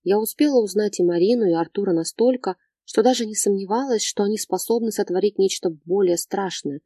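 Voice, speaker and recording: A woman narrating a novel in the first person in a steady, measured reading. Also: on the low side, no echo, studio quality. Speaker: audiobook narrator.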